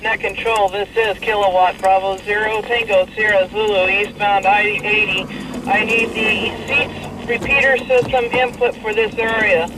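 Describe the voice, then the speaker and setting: A man's voice: high voice, level tone, measured pace. A man chasing a storm, checking in by radio with clipped call signs and fillers over a radio transmission. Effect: mobile radio transmission with static. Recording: distant radio audio with static.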